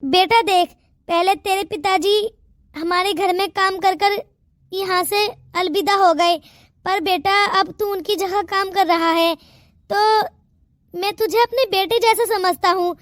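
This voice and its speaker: A woman's voice: extremely high pitch, slow, no echo, studio quality. A woman voicing a stern, wealthy older father in a cartoon, speaking in a commanding, fatherly way. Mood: earnest.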